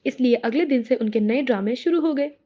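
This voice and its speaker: High-voiced woman narrating a story. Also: a little fast, dull audio.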